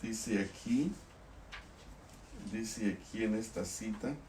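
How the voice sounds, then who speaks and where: A middle-aged man preaching a sermon in a low, earnest voice. He repeats words to drive them home and reads passages aloud. His voice sounds echoey and set back from the microphone. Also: takes it slowly, noisy background. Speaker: pastor. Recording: echoey room, voice a bit far from mic.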